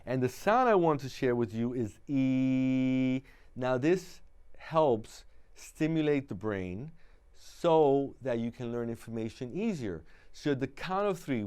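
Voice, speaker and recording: A man hosting a public-access talk show, calmly explaining study tips and introducing his guest. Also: mid-range voice, smooth. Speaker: host.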